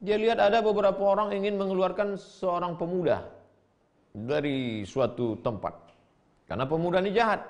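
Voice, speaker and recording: A man's voice: moderate pace, pauses often, a little mellow. A male preacher reads an old Arabic text aloud and translates it line by line, repeating and rephrasing each passage and acting out the quoted people. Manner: shifts pitch sharply to act out quoted speakers. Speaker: preacher teaching a classical text.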